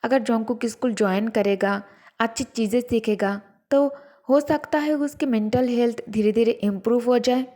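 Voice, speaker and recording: A woman voicing a scheming young wife who feigns innocence and pleads softly in her own defense. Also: fairly high pitch, moderate pace, natural voice. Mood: pleading.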